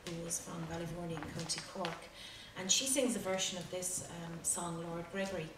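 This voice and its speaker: A woman with a west of Ireland accent, informally introducing a song to a live audience in a hesitant, halting, self-deprecating way. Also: fairly low pitch, little pitch movement. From Galway, west of Ireland. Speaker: folk singer introducing songs. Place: roomy indoor venue with audience. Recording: echoey room, distant mic, loud noise.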